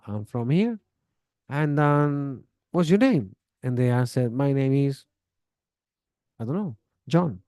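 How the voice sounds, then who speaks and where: A man talks in a relaxed, chatty way, like a teacher giving friendly advice. His voice is mellow and warm, recorded close and dry, with no room sound. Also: mid-range voice, no echo. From Chile. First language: Spanish. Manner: chatty, relaxed, gives friendly advice with acted-out example dialogues. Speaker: English teacher. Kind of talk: casual spoken lesson.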